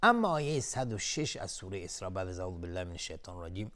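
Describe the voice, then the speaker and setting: Man, tajweed teacher, television recitation lesson, resonant voice, slightly low pitch. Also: sing-song, pushed and bright. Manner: slow melodic chanted recitation alternating with explanatory talk. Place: television studio.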